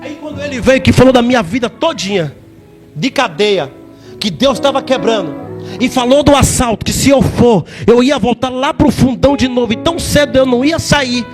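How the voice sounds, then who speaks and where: A man giving a fervent church testimony in a sing-song preaching manner, repeating words and rising to shouts. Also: extremely high pitch, expressive, moderate pace, over music.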